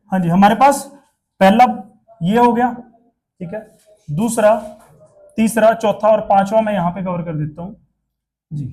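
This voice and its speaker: A man's voice: high voice, dark tone. A male Hindi teacher, giving a classroom lesson and drilling pronunciation by asking the class questions.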